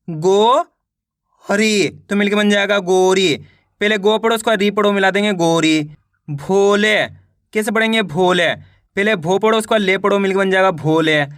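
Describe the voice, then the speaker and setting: A man teaching children to read Hindi, sounding out syllables slowly and repeating each word as a question and answer. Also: high voice, a bit bright, no echo, studio quality. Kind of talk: step-by-step reading lesson.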